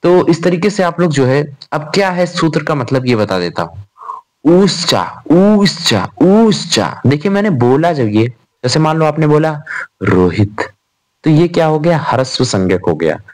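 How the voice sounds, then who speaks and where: A man's voice: on the high side, sing-song, a little fast, darkish tone. A young man giving an informal revision lecture on grammar. He talks in a chatty way, calls the students "bhai", and asks and answers his own questions. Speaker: Sanskrit grammar tutor.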